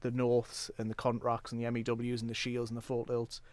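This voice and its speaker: A man's voice: mid-range voice, completely flat delivery, fairly quick, no room sound. A man with a North East English accent chatting casually as an interview guest, explaining things plainly step by step. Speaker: guest, wrestling promoter.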